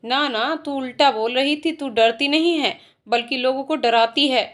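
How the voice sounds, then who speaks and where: A teasing young man from the office, joking and playful in a light, high voice, as a woman storyteller reads his lines. He stays easygoing and cheeky the whole time. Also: moderate pace, fairly bright tone.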